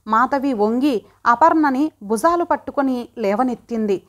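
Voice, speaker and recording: A woman narrating an audiobook story in an expressive, dramatic way. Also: a little high, unhurried.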